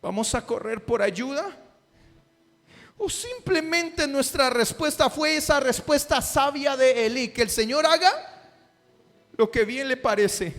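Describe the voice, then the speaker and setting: A man's voice: very high-pitched, expressive, unhurried, a bit bright. A male preacher giving a sermon, impassioned and pressing his listeners with rhetorical questions. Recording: reverberant hall with faint music.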